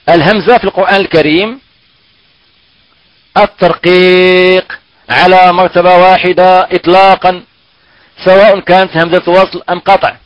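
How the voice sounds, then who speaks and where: A man teaching Quran recitation in a halting way, often stretching out syllables slowly to demonstrate how they are pronounced. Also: high voice, no room sound, lo-fi sound. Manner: halting, repeats and drags out sounds to demonstrate pronunciation. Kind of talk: recorded online tajweed lesson.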